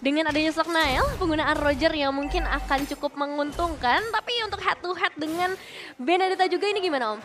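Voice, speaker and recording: A woman giving live esports match commentary in an animated caster delivery. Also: sits high, fairly quick. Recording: loud music behind commentary. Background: music.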